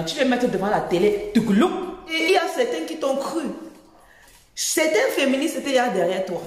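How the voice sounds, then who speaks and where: A woman with a Cameroonian accent giving informal online commentary in a scolding, mocking manner, often repeating phrases for emphasis. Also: on the high side. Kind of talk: informal spoken commentary video. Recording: very echoey, long reverb.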